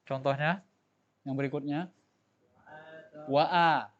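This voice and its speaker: A man's voice: a little high, steady tone, slow. A male teacher giving a tajwid lesson to a class, explaining patiently, asking questions and having students repeat after him. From Indonesia. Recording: dull lo-fi recording.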